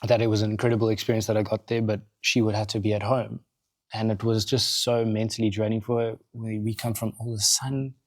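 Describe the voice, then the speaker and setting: A South African man, a podcast guest and coffee roaster founder, telling his story in casual, animated chat in a studio. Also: lowish voice, a little fast, dry recording. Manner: animated, acts out quotes in other voices.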